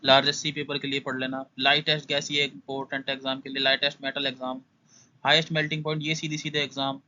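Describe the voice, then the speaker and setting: Young male tutor, quick casual lesson, bright edge, slightly muffled lo-fi sound. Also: mid-range voice, little pitch movement. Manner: brisk, skims through points, repeats "must know". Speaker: exam prep tutor. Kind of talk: casual exam-prep lesson.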